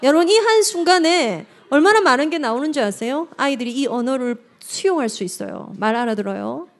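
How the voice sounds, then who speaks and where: High, animated woman lecturing. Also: a little fast. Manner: animated, addresses the audience directly, acts out quotes. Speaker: evangelist lecturing at a parent seminar. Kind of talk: lively seminar lecture.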